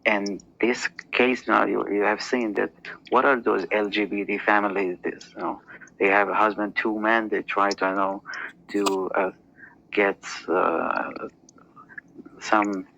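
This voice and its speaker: Gravelly man. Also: fairly low pitch, little pitch movement, pushed and bright. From Iran. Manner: halting, with many fillers and restarts. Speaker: podcast guest. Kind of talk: casual group discussion. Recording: dull lo-fi audio with faint noise.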